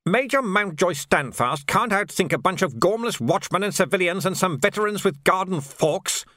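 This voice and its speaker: A man's voice: high-pitched, expressive, moderate pace, bright, forceful tone, no echo, studio quality, voice pushed up. A man voicing a pompous male military commander who sounds haughty and complacent.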